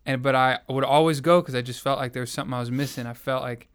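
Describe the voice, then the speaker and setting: A young adult man from the American South shares his faith story as an interviewee, earnest and reflective in a conversational way. His smooth, clear voice stays fairly flat and even in pitch, and he talks fast.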